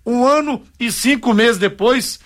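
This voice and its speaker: A man from co-hosting a radio talk show, ranting about slow public works and joking with his partner. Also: very high voice, a bit bright. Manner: indignant, joking, reads listener messages. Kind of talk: casual radio talk and commentary.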